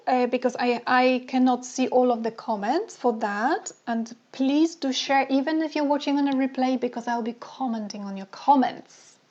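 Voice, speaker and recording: A woman with a fairly high voice runs a live online coaching session on dating. She fires off questions to her audience and repeats phrases for emphasis. The sound is muffled and lo-fi. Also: a little mellow. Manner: asks many rhetorical questions and repeats phrases.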